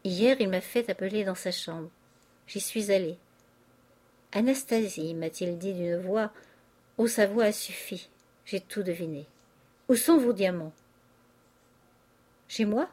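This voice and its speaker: A woman's voice: medium pitch, a little slow, pauses often, darkish tone, natural voice. A woman reading aloud, voicing a distraught young aristocratic wife making a tearful confession. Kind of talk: audiobook character reading.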